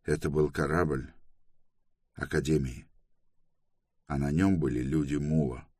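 A man's voice: extremely low pitch, fairly even intonation, unhurried, darkish tone, breathy edge, no echo, clean studio sound, full character voice. A man voicing a curt, bitter male spaceship captain in an audiobook. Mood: grim. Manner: curt, grim.

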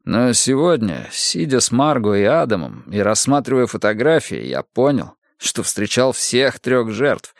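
A man reading an audiobook, voicing a shaken middle-aged psychiatrist who talks tensely and haltingly. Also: mid-range voice, very animated, no echo, clean studio sound.

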